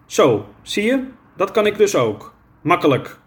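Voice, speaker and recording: A man voicing an excitable, boastful young girl in a children's story read aloud. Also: high voice, a little slow, pitched above the performer's own voice. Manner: exclamatory, boastful. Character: bold, excitable young girl, bit of a show-off.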